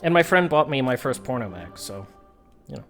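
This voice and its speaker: A woman's voice: a bass voice, sing-song, fairly quick, a bit bright. A woman streamer chatting casually and wryly while playing a game. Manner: wry, self-deprecating and chatty. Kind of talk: casual gameplay commentary. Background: faint game music.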